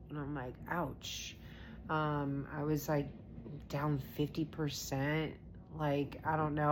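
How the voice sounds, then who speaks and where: A woman's voice: low voice, fairly bright tone, slight background noise. A stay-at-home mom chatting casually about her trades, rambling with lots of fillers and restarts. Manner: acts out her own past reactions in quotes. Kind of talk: casual rambling vlog chat.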